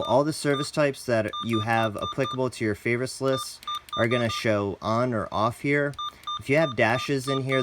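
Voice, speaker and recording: This is a fairly low-voiced man hosting a step-by-step product tutorial, with background noise present. His manner is casual and plainly instructional, and he addresses the viewers as "guys."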